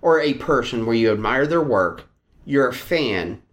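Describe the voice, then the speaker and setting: A man co-hosting a podcast, talking in a rambling, animated way with many restarts and a Virginian accent. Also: medium pitch, a little slow. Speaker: podcast co-host. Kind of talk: casual chat.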